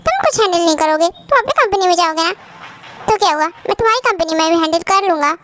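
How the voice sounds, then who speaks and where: A woman's voice: extremely high pitch, lively intonation, fast, fairly bright tone, slight background noise. A woman voicing a bossy but caring young husband, who speaks firmly and insists on getting his way, in an amateur fan dub. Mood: insistent. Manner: firm, commanding, insistent.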